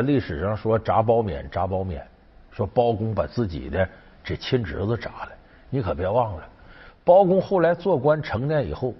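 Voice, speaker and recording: A man's voice: medium pitch, husky. A man telling an old legend in a casual, chatty storytelling style, acting out the quoted lines. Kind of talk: casual folk-tale storytelling. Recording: dull lo-fi recording with long reverb.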